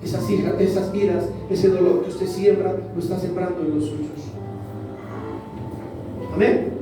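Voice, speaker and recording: A man's voice: high voice, fairly even intonation, measured pace, music in the background. A man preaching a sermon to his congregation, repeating phrases for emphasis. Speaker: pastor. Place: church hall. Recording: very echoey church hall, voice from a distance.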